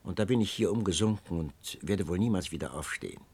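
A man's voice: low voice, fast talker, a little mellow, slightly rough, no echo, voice pushed down. A man voicing a poor, hot-tempered young laborer in an audiobook. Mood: weary. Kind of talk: audiobook character voice.

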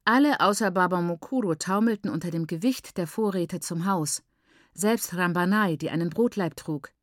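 A woman reading a first-person novel aloud in a measured, clear storytelling manner. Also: on the low side, no room sound, studio quality. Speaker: audiobook reader. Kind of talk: scripted first-person narration.

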